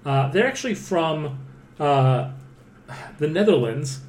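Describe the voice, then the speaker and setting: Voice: medium pitch, animated, slow, a little mellow. A podcast host chatting casually in a rambling, filler-heavy way that breaks into swearing. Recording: roomy with faint noise.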